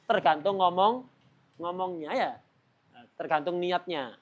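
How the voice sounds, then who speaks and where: A man's voice: sits high, unhurried. A man teaching a religious study lesson, often cutting off mid-word to repeat it and putting rhetorical questions to his listeners. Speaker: Islamic teacher.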